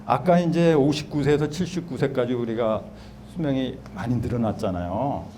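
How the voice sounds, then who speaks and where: A man's voice: medium pitch, moderate pace, warm tone. A man in his sixties giving a public lecture in a small hall, chatting and asking the audience questions. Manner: conversational, asks the audience questions. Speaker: guest lecturer. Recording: lecture hall with background noise.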